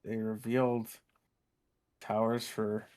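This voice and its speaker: A man's voice: fairly low pitch, little pitch movement, slow, a little mellow. A young man co-hosting a podcast, laid-back and chatty in casual conversation. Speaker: podcast co-host. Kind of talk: casual chat.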